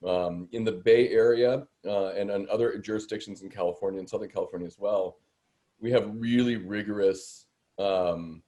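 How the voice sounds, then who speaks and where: A landlord attorney in his fifties from the Seattle area fields questions on a video-call webinar from a room in his home. His voice is lowish and warm at a normal pace, and his manner is chatty and self-deprecating.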